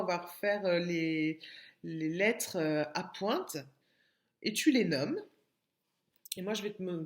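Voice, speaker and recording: Slow, patient French teacher woman. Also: on the low side, roomy sound. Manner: slow, patient, spells out syllables and repeats words. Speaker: kindergarten teacher. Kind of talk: recorded remote lesson for young children.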